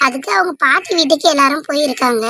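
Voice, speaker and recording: Woman doing a chatty cartoon mum, high-voiced, friendly with the neighbor. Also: quick pace, pushed and bright. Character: caring village mother, chatty neighbor.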